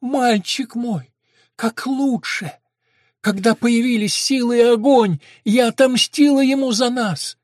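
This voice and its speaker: A man's voice: very high-pitched, drawn-out words, hardly any pauses, a bit bright, no echo, studio quality, voice pushed up, heavily acted. A man voicing a deranged mother who has become a noon spirit, whining and screeching her demands. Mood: pleading. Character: deranged mother turned sun spirit, wailing.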